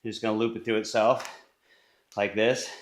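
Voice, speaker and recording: A man's voice: lowish voice, little pitch movement, normal speed. A man giving casual workout instruction in his home gym, now and then short of breath, sometimes moving away from the camera mic. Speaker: fitness coach. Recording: echoey home gym room.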